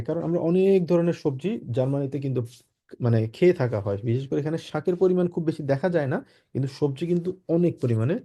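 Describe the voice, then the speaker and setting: A man's voice: a little high, mellow. A man teaching German vocabulary in an online class, patiently spelling words out and having students repeat after him.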